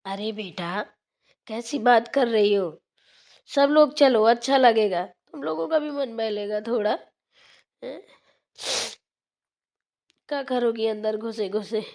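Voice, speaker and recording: A woman's voice: on the high side, slow, long pauses, darkish tone. A woman voicing an older village mother-in-law who coaxes her daughters-in-law in a motherly way in a cartoon. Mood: coaxing. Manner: coaxing, motherly pleading. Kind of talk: cartoon voice acting.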